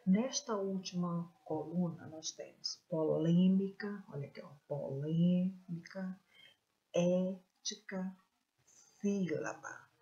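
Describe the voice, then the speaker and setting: A woman teacher with a Brazilian Portuguese accent, giving a recorded video lesson to young pupils, slow and emphatic, sounding out stressed syllables. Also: lowish voice, darkish tone, highs cut off. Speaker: primary school teacher.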